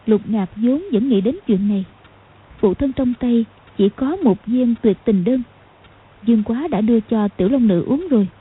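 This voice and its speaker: Woman audiobook narrator, steady storytelling, breathy, tinny lo-fi sound. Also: on the high side, moderate pace. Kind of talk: scripted narration.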